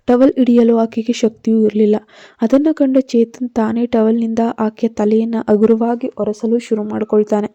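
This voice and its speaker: A woman reads a scripted story in a calm, measured way. Her voice is fairly high yet dark and mellow, with a flat, even delivery. The recording is dry and a little muffled. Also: no room sound. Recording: dull, slightly muffled, dry.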